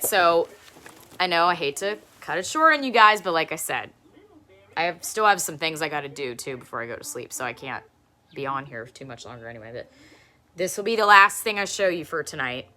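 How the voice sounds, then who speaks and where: This is a low-voiced woman in her thirties chatting loosely and laughing a lot during a home live-stream show and tell, her delivery pushed and bright.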